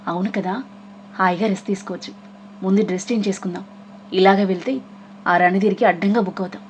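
A woman's voice: medium pitch, steady tone, lo-fi sound, a little hiss or hum, close to an everyday voice. A woman voicing a playful, cheeky young woman who laughs easily. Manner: teasing, quick to laugh.

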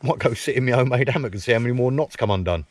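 Talking very fast in a medium-pitched voice, an Englishman who vlogs about camping chats casually to a close tripod camera at a woodland camp. He teases his mate cheekily and mocks himself with dry humour.

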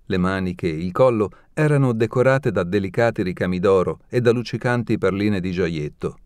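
A man narrating an audiobook in a steady, measured reading voice, close to the mic. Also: deep voice, clear, resonant tone, no echo.

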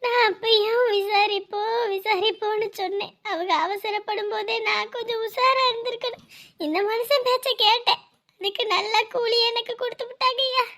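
A woman's voice: very high-pitched, fairly even intonation, normal speed, bright, forceful tone. An actress playing a middle-aged mother who weeps and laments over her son, pleading with the gods. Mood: bitter grieving. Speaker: grieving mother. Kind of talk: Tamil TV drama acting.

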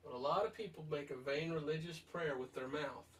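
A man's voice: a little high, a little fast, recorded from a distance, rough recording. A man teaching a verse-by-verse Bible study in an emphatic, urging way, putting direct questions to his listeners.

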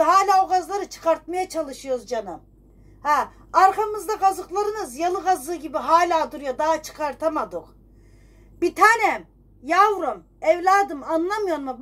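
Very high-voiced scolding middle-aged woman. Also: fairly bright tone. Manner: folksy, scolding, full of rhetorical complaints. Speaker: phone call recipient refusing a credit card offer. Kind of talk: humorous one-sided phone conversation.

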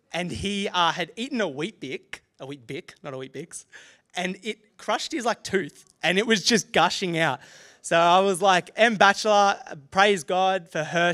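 Young aussie pastor guy telling a funny story at church, bright tense voice, kinda high, laughs a lot. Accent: Australian. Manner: animated, laughing, acts out dialogue. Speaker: youth pastor. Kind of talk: storytelling sermon. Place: church auditorium.

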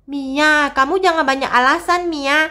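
A bossy older sister, played by a woman, scolds and brushes off fears with impatience in a voice-acted game role-play. The voice is high, though lower than the little ones around her. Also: fairly even intonation, unhurried, pushed and bright. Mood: scolding.

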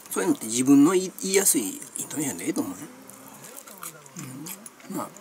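A woman's voice: extremely low pitch, sing-song, fast, dark tone. A middle-aged woman with a Kansai Japanese accent chatting casually as a vlogger, rambling from one everyday topic to the next with many fillers and small laughs. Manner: chatty, meandering, refers to herself by nickname, frequent laughs and fillers.

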